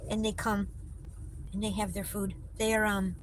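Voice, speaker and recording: A woman with a medium pitch, level tone, and moderate pace chats casually on a phone livestream while driving, replying to viewer comments. The recording from the car-mounted phone is rough, with loud car and road noise.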